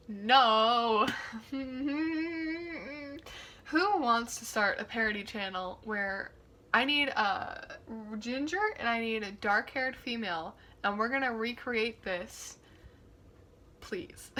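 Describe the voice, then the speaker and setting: A woman's voice: fairly high pitch, measured pace, bright, forceful tone. A young woman giving casual reaction commentary, chatty and wry, full of "like" fillers and amused asides. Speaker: video reactor.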